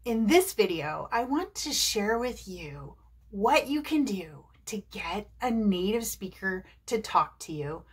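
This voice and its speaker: Speaking slowly with a breathy edge, this American woman from New Jersey has a medium-pitched, very animated voice. She's an English teacher giving tips in a video lesson to camera, encouraging and chatty, with rhetorical questions along the way.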